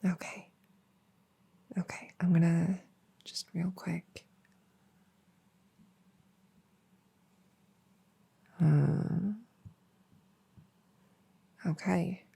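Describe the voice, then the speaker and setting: Woman acting nerdy elf girl, ASMR role-play for ear cleaning ASMR, very breathy, creaky, slow, awkward and gentle. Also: fairly low pitch, fairly even intonation, exaggerated voice. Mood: hesitant, encouraging. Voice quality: breathy, soft. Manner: hesitant, rambling, gently soothing. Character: nerdy, friendly, awkward young female elf cleaning ears.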